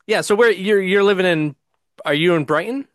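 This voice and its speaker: An American man hosting a casual interview, asking halting questions with fillers. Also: high voice, fairly bright tone, no room sound, studio quality. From United States.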